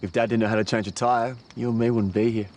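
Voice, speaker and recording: An actor playing a low-key teenage boy in his late teens who speaks briefly and dryly, in film dialogue. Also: steady tone, quick pace, a little mellow, lightly acted.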